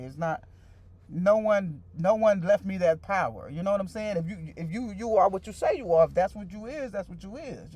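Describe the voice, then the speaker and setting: With a medium-pitched voice, a woman in her forties hosts a casual livestream. Her talk is loose and repetitive as she speaks right to her viewers and responds to their comments.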